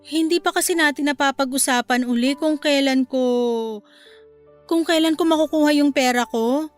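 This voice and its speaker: Brief: actress as a desperate, meek mother in a radio play; high-pitched and apologetic. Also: moderate pace, soft background music, lightly acted. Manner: meek and apologetic, then crying and shouting. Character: desperate mother working as assistant, pleading. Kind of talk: radio drama acting.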